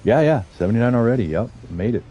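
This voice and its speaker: A man's voice: mid-range voice, lively intonation, fast, dark tone, slightly rough. A middle-aged man chatting casually as he streams a game, rambling with fillers and small chuckles. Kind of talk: casual gameplay commentary.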